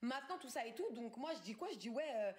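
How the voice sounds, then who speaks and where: A French woman in her twenties livestreams from her bedroom on a phone camera, angrily ranting through a story with street slang and swearing. Her voice is fairly high, expressive, and fast.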